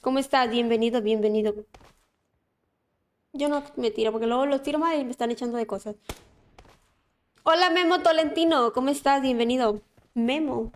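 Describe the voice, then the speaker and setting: A woman's voice: sits high, normal speed, pauses often. A woman with a Mexican accent chatting casually on a gaming livestream, greeting viewers by name as she plays. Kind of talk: casual livestream chat while playing.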